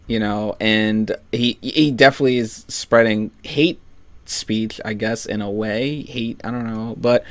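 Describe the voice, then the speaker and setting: A man's voice: fairly low pitch, fairly even intonation, measured pace, no echo. A man chatting casually in a hesitant, rambling way. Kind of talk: casual chat.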